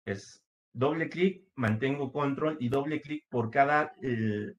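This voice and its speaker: A man guides students through a computer lesson at an unhurried pace. His voice sits at a middle pitch, and he pauses often with fillers as he explains each step. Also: muffled recording. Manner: slow, patient, step-by-step with many fillers. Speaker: teacher. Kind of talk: screen-share computer lesson.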